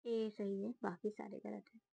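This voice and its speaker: A woman working through a grammar test, reading each option aloud and giving quick verdicts. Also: medium pitch, flat delivery, vocal fry, mellow, breathy edge, no room sound, rough recording. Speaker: student solving a test series. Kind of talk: casual spoken walkthrough of exam answers.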